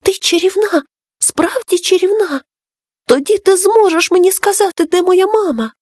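A woman's voice: very high voice, expressive, normal speed, darkish tone, no echo, studio quality, voice pushed up. A woman voicing a small boy who misses his mother, speaking in an eager, wistful, childlike way in a storybook.

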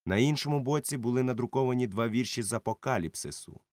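A man narrating a first-person adventure novel with measured storytelling that drops quietly at the ends of sentences. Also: mid-range voice, dry recording, studio quality. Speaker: audiobook narrator.

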